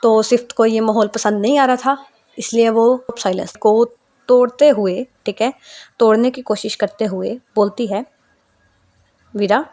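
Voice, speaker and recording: Woman storyteller, casual narration, chatty, somewhat high voice. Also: fairly even intonation, measured pace, darkish tone. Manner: chatty, keeps checking in with the listener.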